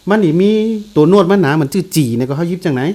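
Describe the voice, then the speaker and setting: A man giving a casual guitar lesson, explaining slowly and repeating note names as he plays. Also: a little high, warm tone. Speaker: guitar teacher. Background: guitar played along.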